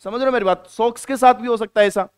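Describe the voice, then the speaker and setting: A high-pitched man from India teaches a grammar class, playful and quick with jokes. His voice is smooth and clear, and the sound is dry, with little room echo. He repeats key words back and quizzes the class as he goes. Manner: playful, joking asides to students.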